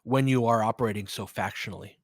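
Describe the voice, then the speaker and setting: An American man hosts a fan play-by-play livestream, offering casual basketball commentary live, thinking out loud and chatting with listeners. He talks fast in a lowish voice, and the recording is dry and studio quality.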